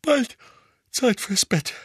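Storybook figure: a stern, protective mother witch, put on by a man, high and clipped. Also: expressive, slow, breathy edge, no echo, clean studio sound, heavily acted. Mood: sleepy. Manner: sharp, scolding. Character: stern motherly witch, middle-aged woman.

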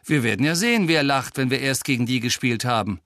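A man's voice: mid-range voice, lively intonation, a little fast, fairly bright tone, no room sound, clean studio sound, natural voice. A man voicing an earnest, encouraging teenage boy talking to his friend.

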